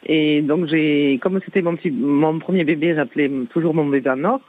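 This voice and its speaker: Her voice is low-pitched and her pace moderate, heard dry over a tinny phone connection. She's a caller from Toulouse, France, with a southern Toulouse accent, chatty and giggly as she explains things at length on a radio phone-in.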